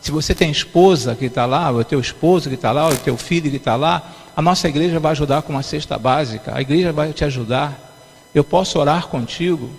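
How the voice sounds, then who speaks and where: A man's voice: a little high, fairly quick, creaky, husky. A man preaching a sermon as pastor, telling stories and repeating his words as he acts out the dialogue. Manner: repetitive storytelling, acts out dialogue. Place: church sanctuary. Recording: long reverb of a church hall.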